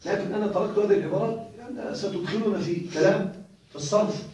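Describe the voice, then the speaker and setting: A man's voice: sits high, very fast, a little mellow. A man teaching a grammar lesson to a class, drilling each rule by repetition and often checking that the students are following. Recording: echoey room, mic far off.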